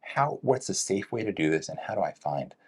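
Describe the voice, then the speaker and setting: A man's voice: deep voice, lively intonation, a little fast, slightly rough. A man hosting an interview, asking questions in a conversational way. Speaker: podcast host.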